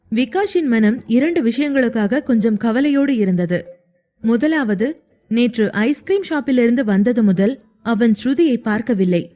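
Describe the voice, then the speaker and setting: A woman narrating an audio story in an even, steady reading voice. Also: a little high. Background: faint music.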